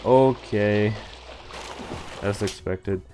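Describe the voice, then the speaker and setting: Drawing out his words in a mellow, fairly low voice, a game streamer reads through a visual novel and acts out its dialogue with casual, playful reactions. Game music plays along with slight background noise.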